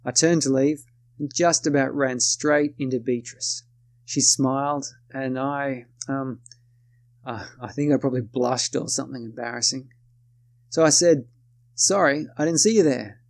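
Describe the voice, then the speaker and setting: A man's voice: medium pitch, steady tone, measured pace, dry recording, clean studio sound. A man with an Australian accent narrating his own story in first person, wry and self-deprecating.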